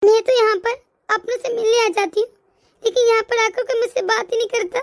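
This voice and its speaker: A woman voicing a humble, poor woman from a village, meek and soft-spoken. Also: very high voice, fairly even intonation, a little fast. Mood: sad. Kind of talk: cartoon voice acting.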